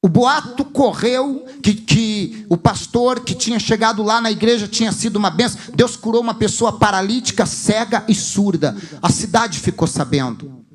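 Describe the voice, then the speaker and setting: A man's voice: high voice, moderate pace, soft background music. A man with a Brazilian accent preaching a sermon as a pastor, telling an emphatic story full of acted dialogue.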